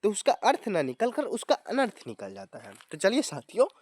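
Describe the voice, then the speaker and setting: A man's voice: high voice, huge pitch swings, moderate pace, a little mellow, no room sound. A man teaching a grammar lesson to exam students, explaining step by step and often addressing viewers as friends. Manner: explanatory, often calling viewers "friends" and adding tag words.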